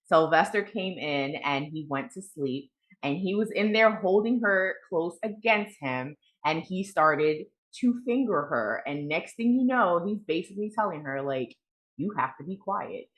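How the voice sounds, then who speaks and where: A woman's voice: fairly low pitch, lively intonation, unhurried. A woman co-hosting a casual book review podcast, frank and profane, with many fillers. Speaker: podcast co-host.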